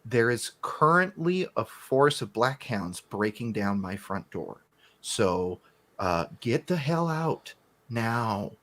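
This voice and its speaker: A man's voice: medium pitch, big pitch swings, takes it slowly, a bit bright. A man voicing a frantic female operator for a tabletop game, talking urgently in short exclamations. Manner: urgent, breathless phrasing, exclamatory.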